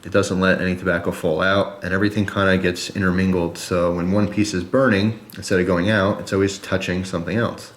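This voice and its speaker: A man's voice: low-pitched, level tone, brisk, few pauses, roomy sound. A man chatting casually and informally to viewers, explaining step by step as he demonstrates a product in a review video.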